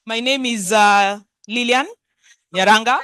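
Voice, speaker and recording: A Kenyan woman introduces herself informally at an unhurried, slow pace. She is hesitant and a little giggly, mixes in Swahili, and the sound is quite dry. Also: a little high, fairly bright tone, clear, resonant tone, dry recording. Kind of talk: informal self-introduction, mixing English and Swahili.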